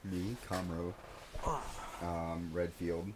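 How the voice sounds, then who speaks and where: A very low-voiced man tells war stories from his police days in a relaxed conversation. He gets animated, jumping into exaggerated voices for the people in his tales. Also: extremely slow, background noise. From United States. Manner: animated storyteller, acts out voices in quotes. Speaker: podcast host, former police officer. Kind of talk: casual storytelling chat.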